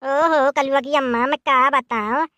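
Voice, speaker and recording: A woman's voice: high voice, steady tone, normal speed, sharp tone, no echo, voice pushed down. A woman doing a bragging old Awadhi neighbor. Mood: boastful. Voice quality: gossipy, bragging. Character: boastful old village neighbor woman, gossipy.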